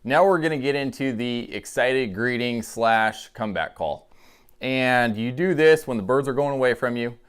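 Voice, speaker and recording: A man giving a casual, folksy instructional demonstration in a clear voice, as a calling instructor. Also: medium pitch, expressive, normal speed, a bit bright.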